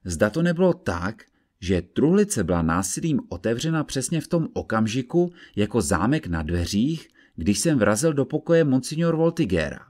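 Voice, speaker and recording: A man voicing a calm, methodical investigator who explains his reasoning step by step in an audiobook reading. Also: mid-range voice. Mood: measured.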